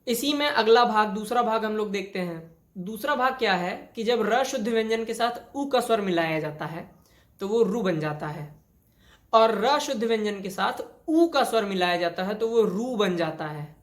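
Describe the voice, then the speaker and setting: A Hindi teacher gives a classroom lesson on spelling, walking through each grammar rule step by step and repeating it with plenty of examples. Her mid-range voice is animated, and her pace is moderate.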